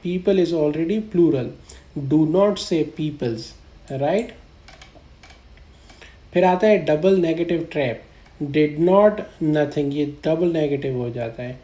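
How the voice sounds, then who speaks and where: A male English teacher walks through grammar slides at an unhurried, deliberate pace. His voice is mellow and soft-edged, and the room gives it a noticeable echo. He reads example sentences slowly and keeps checking that the listener follows. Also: on the high side. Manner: repeats "right?" and "theek hai" to check in. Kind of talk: grammar lesson explaining slides. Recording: echoey room.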